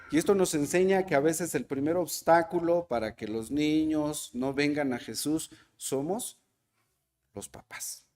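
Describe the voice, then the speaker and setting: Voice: medium pitch, darkish tone. Mexican preacher questioning the congregation. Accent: Mexican Spanish. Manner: asks the congregation questions and acts out quoted voices. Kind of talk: sermon. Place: church service.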